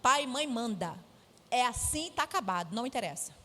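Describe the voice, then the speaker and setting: A woman's voice: a little high, expressive, fairly quick, bright, forceful tone. A woman with a Brazilian Portuguese accent, preaching a sermon in a firm, emphatic, conversational way. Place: church sanctuary. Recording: echoey church hall.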